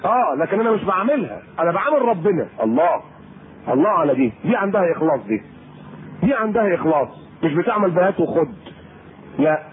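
Egyptian male preacher, playful and animated, on a thin phone-like lecture recording. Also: high-pitched, quick pace. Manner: lively, teasing, acts out quoted people. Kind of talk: colloquial sermon to women. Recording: tinny phone-like lecture tape with faint hiss.

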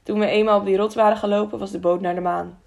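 Brave young guy, short and caring, a bit gravelly, woman reading him. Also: medium pitch, level tone, quick pace, a little mellow, natural voice. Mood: urgent. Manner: curt, caring. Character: brave young man, steady, protective.

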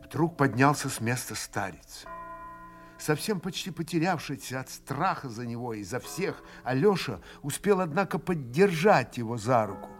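A man narrating a literary drama in a theatrical, expressive manner. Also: medium pitch, moderate pace, faint music behind.

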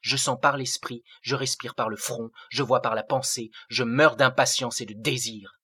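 A man's voice: medium pitch, steady tone, normal speed, bright, forceful tone, breathy edge. A man voicing a sorrowful, otherworldly seraphic being who speaks in solemn, lofty declamation. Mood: exalted.

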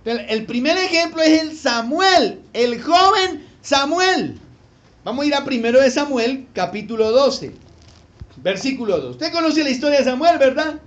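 A pastor preaches with an extremely high, sing-song, fairly bright voice at a slightly slow pace, animated and full of rhetorical questions and acted-out voices. The sound is a bit dull and lo-fi with faint noise.

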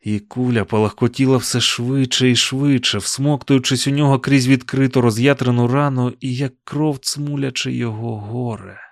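A man narrating an audiobook in a calm, even storytelling manner. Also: medium pitch, normal speed, few pauses, no room sound, studio quality. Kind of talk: scripted narration.

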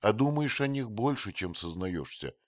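A man voicing a timid, gentle youth with a high, soft boyish voice in a read-aloud story. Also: expressive, moderate pace, no echo, clean studio sound, close to an everyday voice. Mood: teasing. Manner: pleading, teasing.

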